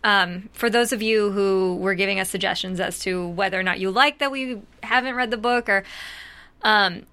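A chatty young woman co-hosts a casual TV recap show. Her voice is bright and crisp, with a smooth, resonant tone. She thinks aloud as she talks. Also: medium pitch, moderate pace. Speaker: co-host.

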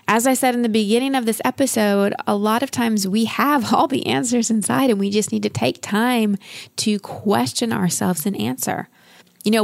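A woman with a fairly high voice and some vocal fry hosts a coaching podcast. She explains life coaching ideas in an encouraging, instructive way.

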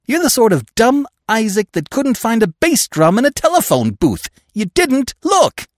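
Scornful, tense woman crook, high and loud, as a male reader puts her on, storybook. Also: big pitch swings, moderate pace, dry recording, clean studio sound. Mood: scolding. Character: fierce scolding woman crook, poetess.

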